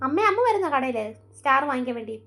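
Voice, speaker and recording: Brisk, scolding mom in a family skit; high voice, talks very fast. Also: female voice, expressive, very noisy.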